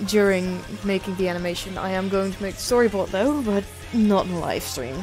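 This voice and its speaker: A woman's voice: medium pitch, normal speed, music in the background. A young adult woman streamer chatting casually, rambling and self-deprecating, swearing now and then.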